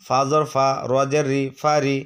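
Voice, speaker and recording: Guy teaching quran reading rules, mid-pitched voice, goes over each letter real patient and has you say it back. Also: completely flat delivery, smooth. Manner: patient, repeats each rule, asks the viewer questions, then recites slowly. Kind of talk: tajweed lesson, spelling out letters and drawn-out recitation.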